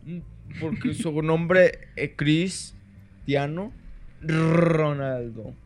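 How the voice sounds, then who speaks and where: A Mexican man co-hosting a comedy podcast with a fairly high voice. He teases his partner crudely and swears freely in relaxed banter. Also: extremely slow, soft background music. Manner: crude, teasing, swears a lot. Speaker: podcast co-host.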